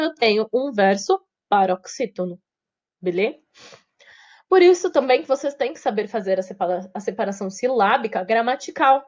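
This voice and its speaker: A woman teacher with a Brazilian Portuguese accent, giving an online lesson. She repeats words slowly syllable by syllable and keeps checking with the class. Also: fairly high pitch. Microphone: video call setup, her own face on screen.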